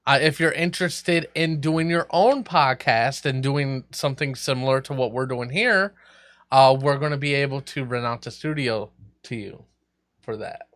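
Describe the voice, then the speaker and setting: Male host, crisp and forceful, casual profane banter. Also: mid-range voice, moderate pace, no echo. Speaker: podcast host.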